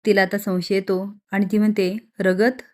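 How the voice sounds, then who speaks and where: A woman recaps a TV serial episode in steady storytelling. Her pitch stays flat, with a medium, unremarkable register. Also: moderate pace. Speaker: narrator.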